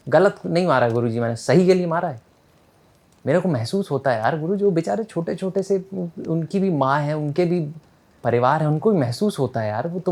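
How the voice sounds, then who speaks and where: A man's voice: fairly high pitch, a little mellow, voice pushed up, lightly acted. A man voicing a hot-headed male prisoner who rants indignantly about his love for animals, in a slangy way. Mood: ranting.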